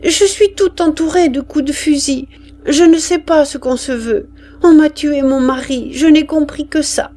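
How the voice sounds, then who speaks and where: A woman's voice: high voice, slow, darkish tone, pitched above the performer's own voice. A woman reading aloud and voicing a frightened, widowed peasant mother who speaks in a plaintive, faltering way.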